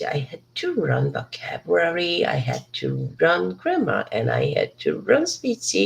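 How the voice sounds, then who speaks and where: Speaking slowly in a low, gravelly voice, a Hong Kong woman whose first language is Cantonese presents a rehearsed motivational speech as an ESL student. She's outdoors in a city park, and she halts, restarts and repeats words to correct herself.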